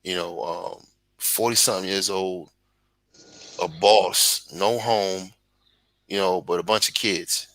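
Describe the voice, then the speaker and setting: Gravelly, blunt Brooklyn man. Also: sits low, fairly even intonation, slow pace, pauses often, fairly bright tone, no room sound, low-quality recording. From Brooklyn, New York. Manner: blunt, profane, emphatic. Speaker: guest. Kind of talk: casual livestream chat. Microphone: video call.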